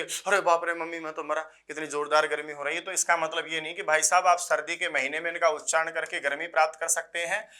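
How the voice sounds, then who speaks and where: A man teaching Sanskrit grammar for exam preparation. He repeats key phrases slowly, asks questions and answers them himself, and mixes in folksy jokes. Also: a little high, pushed and bright. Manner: folksy jokes, addresses students as sir. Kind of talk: exam-prep grammar lecture.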